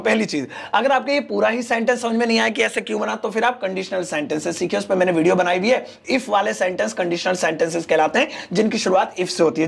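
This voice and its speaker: A man's voice: high-pitched, gravelly. A man with an Indian accent, teaching English online and patiently answering viewer questions with English phrases mixed in. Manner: explains patiently in Hindi with English phrases, reads out comments.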